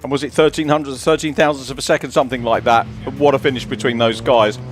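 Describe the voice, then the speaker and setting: A man's voice: mid-range voice, quick pace, soft background music. Chatty man calling a race replay. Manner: chatty, excited over replays. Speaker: race co-commentator. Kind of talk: motorsport commentary.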